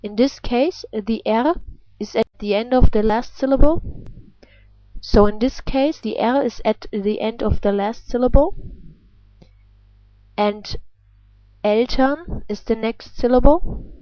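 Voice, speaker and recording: A woman with a German accent teaches pronunciation at an unhurried pace, showing off a throaty R in her examples. Her pitch is average for a woman. The recording is dry and somewhat dull, like a low-fidelity home lesson. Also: dry recording. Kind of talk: instructional language lesson. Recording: dull, lo-fi sound.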